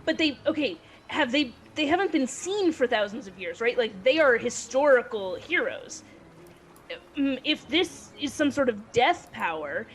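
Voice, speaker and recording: A woman playing a tabletop game, eagerly thinking aloud with the group. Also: fairly high pitch. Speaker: player. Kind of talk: tabletop role-play chat.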